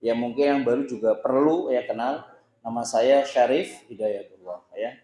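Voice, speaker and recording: A man in his thirties with a medium-pitched, dark voice talks at a normal speed, teaching at an Islamic boarding school and giving students informal advice. He playfully teases them with questions, often tacks "ya" onto his sentences, and hesitates a lot. The recording has a roomy echo.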